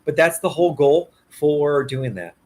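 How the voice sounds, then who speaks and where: A man hosting a casual live stream, rambling through upbeat shout-outs to his viewers. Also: fairly high pitch, expressive, a little slow. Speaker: livestream host. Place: roadside station, partly outdoors. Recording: roomy, distant, noisy live stream.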